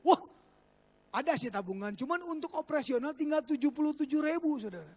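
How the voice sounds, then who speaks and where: A male pastor with a Sundanese-inflected Indonesian accent preaching a church sermon, animated and joking, swinging between loud exclaiming and quiet asides. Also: very high-pitched, fast talker. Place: church service.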